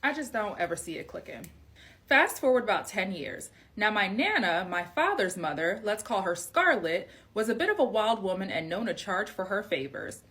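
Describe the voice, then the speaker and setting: A woman's voice: medium pitch, sing-song, moderate pace, a bit bright. An American woman hosting a gossipy storytime, talking in a sassy, conversational, slangy way with casual swearing. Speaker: host reading out listener-submitted family stories.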